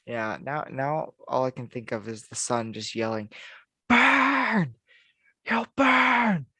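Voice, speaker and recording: A man's voice: mid-range voice, fairly even intonation, normal speed, dry recording. Rambling man in casual podcast chat. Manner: rambling, thinks aloud with restarts. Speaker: podcast co-host.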